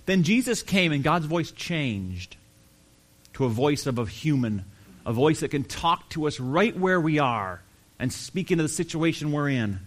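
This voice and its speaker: A man preaching a sermon, earnest and emphatic, slowing down to stress key phrases. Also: on the high side, very animated. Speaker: pastor.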